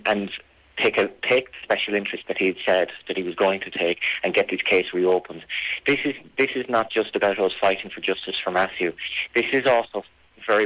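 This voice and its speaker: Man, low pitch, halting but insistent, formal wording, radio interviewee. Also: a bit bright, poor audio. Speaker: interviewee, family campaigner.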